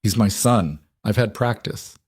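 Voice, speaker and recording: A man voicing a weary single mother who speaks softly and frankly, his voice lifted slightly for her. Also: lowish voice, measured pace, husky, dry recording. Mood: gentle.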